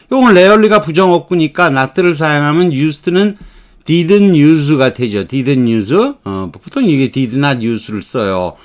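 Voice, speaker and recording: A man teaching English grammar in Korean, slowly reading out example sentences and explaining them step by step. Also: a little high. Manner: slow and methodical, reading example sentences aloud.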